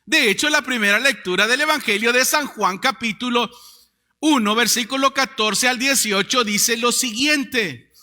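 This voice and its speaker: Male pastor, sermon, very high sharp voice, dramatic call-and-response, long church reverb. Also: moderate pace. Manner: preaching with call-and-response to the congregation; dramatic, swinging between loud proclamation and low quiet lines. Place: church sanctuary.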